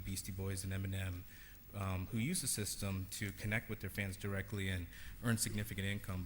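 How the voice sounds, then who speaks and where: A man from Sri Lanka with a fairly low voice gives an earnest conference talk, stumbling through fillers and restarts. Faint noise sits behind him. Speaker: conference keynote speaker.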